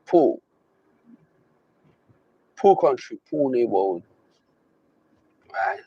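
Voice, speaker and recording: A Haitian man with a Haitian accent gives a motivational talk in a mid-range, expressive voice with a breathy edge. He's emphatic, repeats his key phrases, and draws out his stresses slowly. The recording is dry, with the highs cut off.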